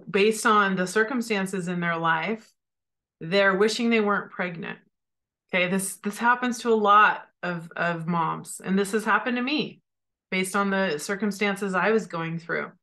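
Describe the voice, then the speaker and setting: This is a woman hosting a solo podcast about raising children, and she speaks in an earnest, reflective way. Her voice sits slightly low and rings bright. She often stumbles and repeats words while thinking aloud. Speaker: podcast host.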